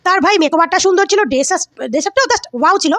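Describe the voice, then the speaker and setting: A woman's voice: extremely high pitch, rapid-fire, pushed and bright, dry recording, studio quality. A woman vlogger giving heated celebrity gossip commentary, scolding and insulting with lots of repetition.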